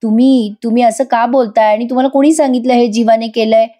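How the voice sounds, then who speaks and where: Protective mother, firm and pleading, mellow, put on by a woman. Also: fairly high pitch, fairly even intonation, quick pace, voice pushed up, lightly acted. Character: protective mother defending her son.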